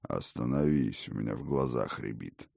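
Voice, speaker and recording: A man doing a deep rumbling old god-king. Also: animated, vocal fry, darkish tone, no room sound, studio quality, exaggerated voice. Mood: imperious. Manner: commanding, slow and rumbling. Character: old male god-king, imperious and hearty. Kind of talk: audiobook character reading.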